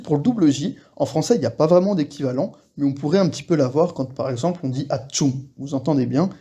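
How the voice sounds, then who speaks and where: Husky-voiced man teaching a casual lesson. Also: a little high, mellow. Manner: explains patiently, acts out short example phrases. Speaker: Korean language teacher.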